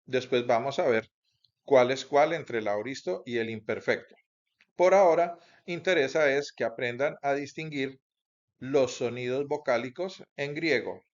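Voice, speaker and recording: Male teacher, slow deliberate lecturing, dull lo-fi sound. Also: mid-range voice. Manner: slow, deliberate explaining with pauses and self-corrections. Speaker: Bible Greek teacher. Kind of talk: recorded class lecture. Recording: dull lo-fi recording.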